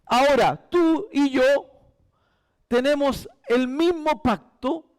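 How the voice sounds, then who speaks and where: A man's voice: very high voice, slow. A male pastor preaching a sermon in a church, emphatic and repetitive.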